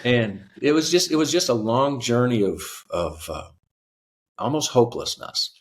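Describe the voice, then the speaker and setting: A man in his fifties, a podcast guest telling his life story earnestly, halting with fillers. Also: medium pitch, sing-song. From United States. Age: 50s. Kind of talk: reflective personal storytelling.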